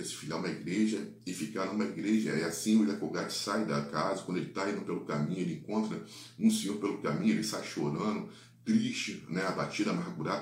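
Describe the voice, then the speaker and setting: A Brazilian man with a very low voice retells an inspirational story in an echoey room. He stumbles on repeated words and keeps checking in with "né?". The tone is earnest and unscripted. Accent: Brazilian Portuguese. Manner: halting, many repeated words and "né?" tags. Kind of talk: retelling a faith-based life story.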